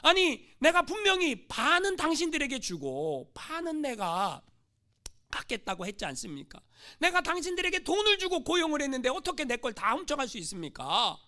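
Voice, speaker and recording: A man's voice: high voice, sing-song, fairly quick, bright, forceful tone, heavily acted. A man voicing an indignant male missionary who keeps exclaiming his complaints, in a sermon story.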